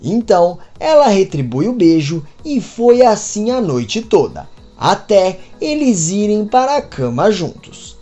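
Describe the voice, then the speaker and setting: Woman, expressive recap narration, animated pitch, dark mellow tone, faint music behind. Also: measured pace, few pauses. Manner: expressive storytelling, asks viewers to subscribe. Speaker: soap opera recap narrator. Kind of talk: scripted story narration.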